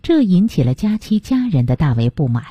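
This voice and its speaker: A woman narrating a serialized novel in an expressive storytelling style. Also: low-pitched, brisk, husky. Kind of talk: storytelling broadcast.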